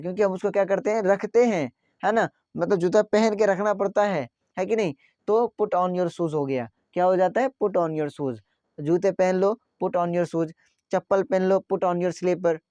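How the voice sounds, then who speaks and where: A man's voice: high voice, warm tone, no echo, lo-fi sound. A man teaching everyday English phrases to viewers. He asks questions, repeats each phrase, and keeps checking that they follow along. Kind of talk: spoken English lesson.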